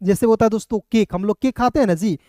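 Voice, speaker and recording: Speaking fast in a warm, mid-range voice, a teacher runs an online English phonics class in Hindi. Words are spelled letter by letter, viewers are treated as friends and patiently quizzed, and the delivery is repetitive. The studio-quality recording has no echo.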